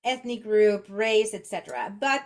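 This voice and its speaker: A podcast guest in her forties, this Mexican-born executive coach speaks at a moderate pace in a mid-range, slightly mellow voice. Spanish is her first language, her accent is Mexican, and she often restarts her phrases as she reflects.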